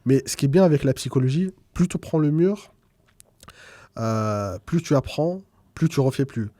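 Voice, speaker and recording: A man's voice: mid-range voice, moderate pace, mellow, no echo. A man from France, a guest in a casual interview, explaining things through examples with frequent restarts. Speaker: guest trader.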